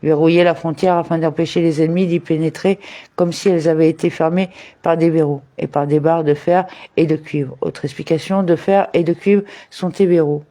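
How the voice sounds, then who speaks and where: Mellow man reading a religious commentary. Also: a little high, flat delivery. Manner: measured reading, with Hebrew terms and verse references. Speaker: reader of a daily study text.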